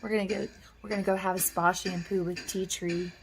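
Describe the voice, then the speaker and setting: A woman's voice: on the low side, flat delivery, brisk, vocal fry, a little hiss or hum. A woman vlogger talking to her pets in a coaxing way, asking them lots of questions. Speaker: pet vlogger. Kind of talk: casual vlog talk to pets. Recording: roomy echo.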